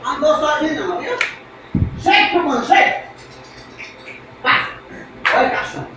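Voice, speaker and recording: A high-pitched woman plays out a noisy comedy sketch, calling out and bantering in a loud, teasing way. She sounds far from the mic in a very echoey space, with heavy background noise throughout. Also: expressive, normal speed. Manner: loud, bantering, often shouting and laughing. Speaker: comic sketch performer. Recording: echoey, distant, very noisy amateur recording.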